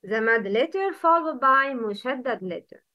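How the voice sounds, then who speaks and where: A woman teaching tajweed, reciting Quran slowly and drawing out words for her learners to repeat. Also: sits high, animated, lo-fi sound.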